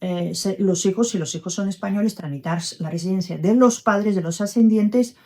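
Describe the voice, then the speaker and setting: A woman immigration lawyer who speaks in a measured way, adding clarifications as she discusses the rules with her colleague. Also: medium pitch, warm tone. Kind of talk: explanatory conversation.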